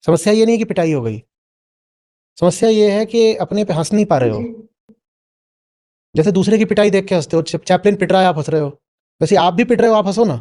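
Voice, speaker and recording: A spiritual teacher replies to an audience member in a live spoken discourse, his high, dark-toned voice lively in intonation. He talks a little fast yet leaves long pauses, and often prods the listener with questions and a "hmm?".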